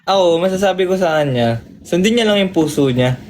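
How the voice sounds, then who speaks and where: A man's voice: high voice, expressive, a little fast, a little mellow, a little hiss or hum. A man with a Filipino accent co-hosting a live stream, reading out viewer greetings and giving friendly advice. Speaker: livestream co-host. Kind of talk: casual chat on a live stream.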